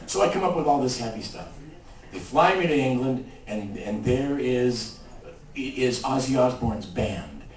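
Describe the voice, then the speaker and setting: A man telling comic stories on stage in an animated way, acting out the voices. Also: mid-range voice, unhurried, slight background noise. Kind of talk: comic live storytelling. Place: stage at a live show. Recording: roomy live stage from far off.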